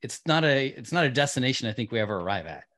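A man hosting a casual interview, chatting and backing up his guest with quick agreement. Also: mid-range voice, lively intonation, a bit bright. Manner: agreeable, frequent short affirmations. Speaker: interview host.

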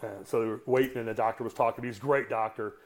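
Casting: man in his sixties, coach and podcast guest, blunt cussing storyteller, halting with fillers. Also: medium pitch, flat delivery. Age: 60s. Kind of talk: casual storytelling.

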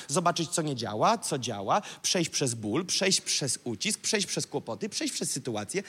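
A man's voice: on the high side, a bit bright, slightly rough. A man preaching a sermon as pastor, dramatic and vivid, now and then acting out mocking voices. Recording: church hall reverb.

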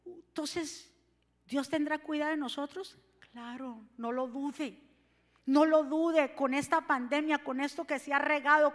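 A woman delivers a fervent sermon in a high voice, dropping soft and then rising to shouts. Her voice rings with the long reverb of a church hall. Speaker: preacher.

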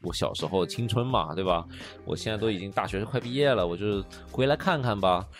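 A man in his late twenties co-hosting a casual podcast, telling stories in a chatty way that gets animated and then trails off softly. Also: fairly low pitch, a little fast, faint music behind. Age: late 20s. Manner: storytelling, animated when recounting, trails off softly. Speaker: podcast co-host. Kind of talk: casual chat.

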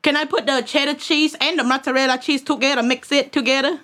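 A woman voicing a fussy, rambling prank caller with a put-on accent, asking halting, repetitive questions. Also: sits high, steady tone, pushed and bright. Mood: pushy. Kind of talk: prank phone call.

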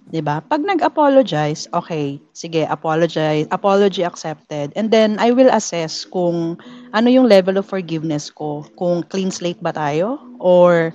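A woman's voice: on the low side, expressive, a little slow, mellow. A woman hosting a casual talk show, chatting freely and mixing Tagalog with English. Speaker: podcast host. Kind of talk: casual chat. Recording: muffled lo-fi sound.

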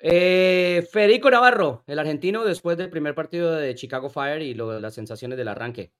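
A male co-host in a relaxed football chat who keeps breaking in with quick "sí, sí" and small corrections. His voice is fairly high for a man. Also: slight background noise. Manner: chimes in with short agreements and corrections. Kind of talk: casual sports talk.

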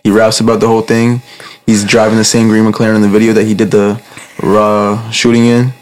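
A man's voice: fairly low pitch, level tone, a little fast, faint music behind. A young man chatting casually in slangy, profane bro talk. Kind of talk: casual group chat about rap.

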